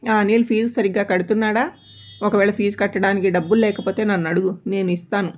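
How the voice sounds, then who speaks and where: A woman voicing a gentle, wise elderly grandfather who gives patient, soothing advice in a storybook tale. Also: mid-range voice, steady tone, quick pace, close to an everyday voice.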